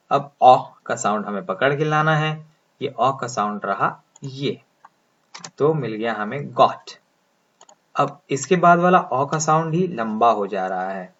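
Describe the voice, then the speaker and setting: Speaking Hindi in a mid-range, fairly bright voice, a man teaches English pronunciation step by step. He talks slowly and deliberately, drawing out each sound as he writes its symbol. The recording is dull and lo-fi.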